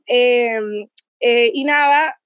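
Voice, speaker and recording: A woman from the Caribbean, in her thirties, tells a personal story as a guest. Her voice sits high, and she laughs often. The recording is dry and close. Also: extremely slow, clean tone, no echo, highs cut off. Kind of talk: casual interview.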